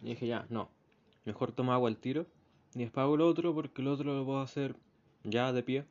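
Speaking briskly at a medium pitch, a young man with a Chilean Spanish accent rambles through the story of a bus ride for his casual spoken diary. He imitates the voices of the people in his anecdote, and the audio is slightly muffled with faint noise behind it.

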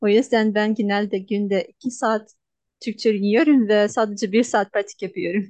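A woman in her twenties from Russia with a Russian accent, answering interview questions in halting, simple non-native Turkish. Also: medium pitch, steady tone, a little mellow, no echo. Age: 20s. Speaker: interview guest, language learner. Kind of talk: casual interview.

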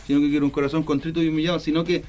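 A man's voice: on the high side, little pitch movement, very fast, a little mellow, a little hiss or hum. Rambling man chatting about faith. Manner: rambling, many fillers and restarts. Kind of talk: casual faith chat.

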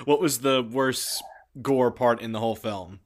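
A man hosting a casual podcast chat, calm and amused, dropping bits of trivia. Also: mid-range voice, slow. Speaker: podcast host.

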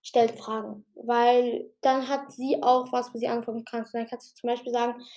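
Woman host, slightly high voice, casual rambling explainer, lots of fillers. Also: flat delivery, dark tone. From outside Germany. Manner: chatty and rambling, with many fillers and restarts; says she talked a bit fast. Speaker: podcast host giving tips.

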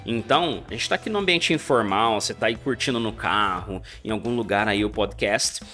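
A Brazilian man in his thirties with a Brazilian Portuguese accent, hosting a chatty podcast pronunciation lesson and slowing down to model English phrases. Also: on the low side, sharp tone. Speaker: English teacher, podcast host. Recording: faint guitar music behind the voice.

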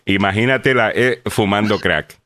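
Low-voiced Puerto Rican man, dry sound. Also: moderate pace, fairly bright tone, no room sound. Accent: Puerto Rican Spanish. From Puerto Rico. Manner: joking, rambling with many fillers. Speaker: podcast co-host. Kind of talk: casual chat reading listener comments.

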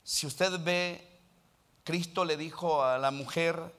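A male preacher delivers an impassioned sermon, pressing his points home. His voice sits high and carries a bright, forceful edge. He calls out to his listeners as brother and climbs into loud, urgent passages. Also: fairly even intonation, slow, smooth. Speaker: pastor.

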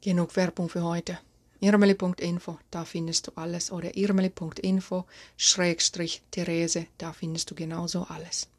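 A woman with a Finnish accent, hosting a solo podcast and giving voice tips in a lively, chatty, self-mocking way. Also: on the low side, moderate pace. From Finland. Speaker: podcast host and speaking coach.

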